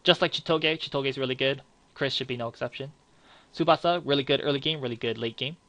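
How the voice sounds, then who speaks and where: A man's voice: mid-range voice, fast talker, a bit bright, dry recording. A young man giving casual, frank card game commentary, rambling with fillers and restarts.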